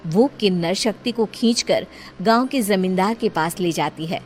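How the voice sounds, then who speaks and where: A woman's voice: mid-range voice, moderate pace, darkish tone, slight background noise. A woman reading scripted story narration as the storyteller. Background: music.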